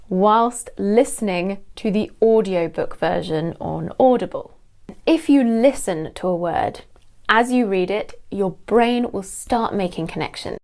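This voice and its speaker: A woman's voice: medium pitch, a little mellow. A woman speaking to camera as a teacher, chatty and laughing lightly between points. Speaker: English teacher. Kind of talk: direct-to-camera lesson.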